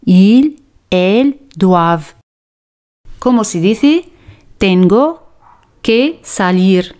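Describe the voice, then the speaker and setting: Woman teaching french really slow, says each phrase twice, steady mid voice. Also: medium pitch. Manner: slow, deliberate, repeats phrases for drilling. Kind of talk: slow scripted language lesson.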